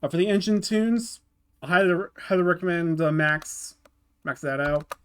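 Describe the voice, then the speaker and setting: A man's voice: high voice, normal speed, fairly bright tone, clear, resonant tone. A man hosting his gaming channel, talking through a car build in a casual tutorial voice-over, often stopping to restart and repeat words.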